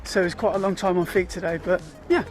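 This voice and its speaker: A man's voice: high voice, fairly even intonation, fast, soft background music. Tired, chatty British man. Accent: British English. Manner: chatty, candid, self-deprecating. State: tired and dizzy mid-run. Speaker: running vlogger. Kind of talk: casual vlog narration.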